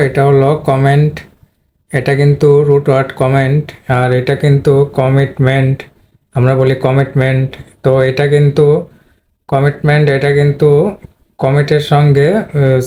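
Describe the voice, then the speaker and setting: Flat-voiced man teaching English pronunciation. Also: a little high, a little hiss or hum. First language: Bengali. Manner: explains step by step, addresses viewers directly; clears his throat now and then. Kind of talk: spoken pronunciation lesson.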